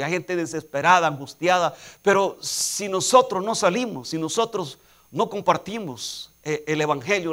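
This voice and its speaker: A man preaching a sermon, telling a personal story and building to emphatic, repeated calls to action. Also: on the high side. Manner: preaching with rising, emphatic repetition; quietly acts out dialogue in anecdotes.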